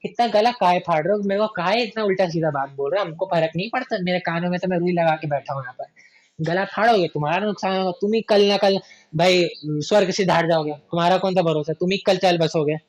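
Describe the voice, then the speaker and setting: A man's voice: high-pitched, fast talker, natural voice. A man doing a stubborn mocking moneylender. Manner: casual, scolding street Hindi.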